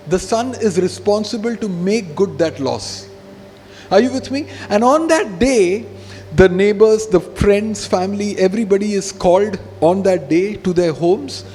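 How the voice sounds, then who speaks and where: A man's voice: high voice, a little mellow, big-room sound. A man pastor preaching a sermon, emphatic, often checking in with the congregation. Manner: emphatic preaching, frequent call-outs to the congregation.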